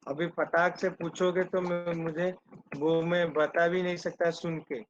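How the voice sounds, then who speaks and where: Male online lecturer. Slow, deliberate and stern with his class, on dull lo-fi call audio. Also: a little high, little pitch movement, soft background music. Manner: slow and deliberate, switching between Hindi and English, scolding the students. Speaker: teacher.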